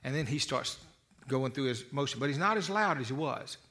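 Folksy, bright-voiced male motivational speaker. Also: medium pitch, brisk. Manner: folksy, with repeated word restarts; storytelling with lively asides. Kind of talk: motivational talk to an audience.

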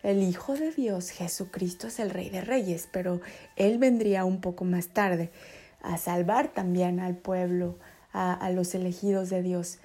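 A woman's voice: fairly low pitch, fairly even intonation, unhurried, mellow. A woman hosting a children's podcast in a kids show host manner, telling stories and explaining things simply to young listeners.

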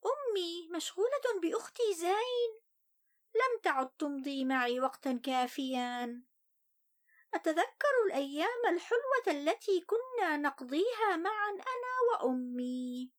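A woman's voice: extremely high pitch, animated, measured pace, pitched above the performer's own voice. A woman voicing a sulky, plaintive young boy who feels unloved, in a children's story. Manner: plaintive, complaining.

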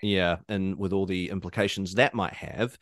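Podcast host, New Zealand accent, deep voice, hesitant delivery, dry close mic. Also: male voice, steady tone, no echo. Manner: halting, many restarts and fillers. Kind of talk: casual discussion.

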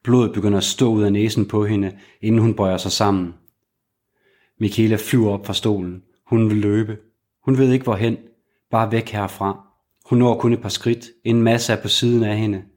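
A man reading a crime thriller aloud as a narrator, with a measured, even storytelling delivery. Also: lowish voice.

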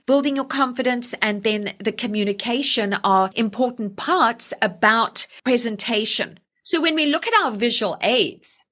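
A woman's voice: fairly high pitch, moderate pace, few pauses, a bit bright. A woman hosting a podcast interview, chatting in a friendly way and often agreeing with her guest. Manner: friendly, frequent agreeing backchannels. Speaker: podcast host. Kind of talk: conversational interview.

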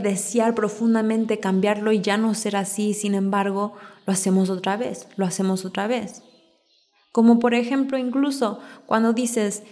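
Even-toned woman hosting a self-help podcast. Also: mid-range voice. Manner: calm, explanatory, uses repeated examples. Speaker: podcast host. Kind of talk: reflective self-help monologue.

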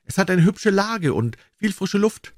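A man's voice: sits high, big pitch swings, unhurried, dry recording, clean studio sound, pitched above the performer's own voice, heavily acted. A man voicing a small, proud male swallow in a storybook reading, talking in a chirpy, fussy, self-important way. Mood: pleased, puzzled.

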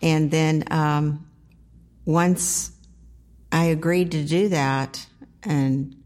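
A middle-aged woman from South Carolina speaks in a low-pitched voice. She is a plain-spoken interview guest who talks casually and a little haltingly, as if recounting things from her own experience. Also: fairly even intonation, a little mellow. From small town in South Carolina, United States. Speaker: interview guest, food pantry organizer. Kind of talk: casual conversational storytelling.

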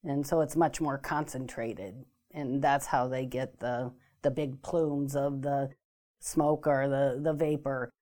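A woman's voice: extremely low pitch, steady tone, takes it slowly, mellow. A woman explaining as a guest expert in a talk interview, careful and full of ums and restarts. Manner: hesitant, many ums and restarts. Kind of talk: informational talk show interview.

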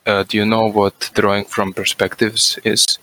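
A man from Croatia asks a careful, polite question. His delivery stays flat in pitch, and his voice has a bright, edgy tone. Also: normal speed, low-quality recording. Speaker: caller.

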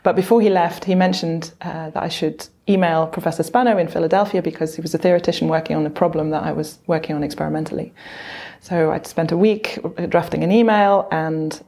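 A woman from Belgium, a physicist, telling her career story in an interview, quick and earnest with many fillers. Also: sits low, fairly even intonation, warm tone.

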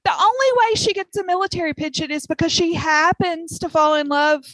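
A woman's voice: extremely high pitch, brisk, a bit bright, no echo, low-quality recording. A woman with a Southern US accent, telling a story passionately on a podcast with laughing asides. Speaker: podcast co-host. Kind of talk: casual chat.

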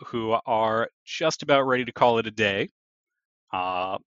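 A man narrates as game master in an easygoing, descriptive way. His voice sits at a middle pitch. The recording is dry and sounds dull and lo-fi. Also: a bit bright, no echo. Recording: dull lo-fi audio.

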